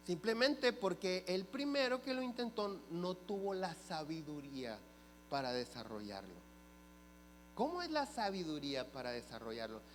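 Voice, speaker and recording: A male pastor preaching with a fairly high voice, bringing his stories to life by acting out each exchange and turning questions to the congregation. His voice carries a long church reverb, and a faint mains hum sits underneath. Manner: animated storyteller who acts out dialogue and questions the congregation. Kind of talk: sermon. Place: church sanctuary.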